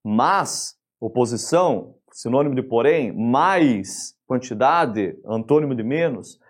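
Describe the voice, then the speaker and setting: A Brazilian man teaching a grammar lesson in a lively, chatty way, often asking the class questions. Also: medium pitch, slow pace. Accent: Brazilian Portuguese.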